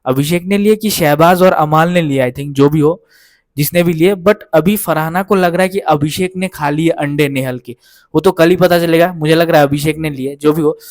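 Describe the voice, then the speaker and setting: A man with a somewhat higher voice talks through a reality show recap off the cuff, rambling from one event to the next. He keeps stopping to check that his listeners follow. The sound is close and dry, with no room around it. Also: moderate pace, no echo. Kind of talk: casual spoken episode recap.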